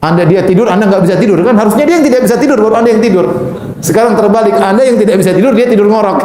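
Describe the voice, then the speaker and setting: A man preaching in a religious question-and-answer lecture, moving between soft and emphatic delivery and chuckling now and then. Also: sits high, racing, reverberant, slight background noise. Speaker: Islamic preacher.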